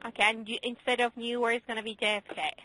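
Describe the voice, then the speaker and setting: A woman's voice: fairly high pitch, little pitch movement, quick pace, bright, forceful tone, slight background noise, rough recording. A woman working as an airline call center agent, talking with a customer in a service phone conversation.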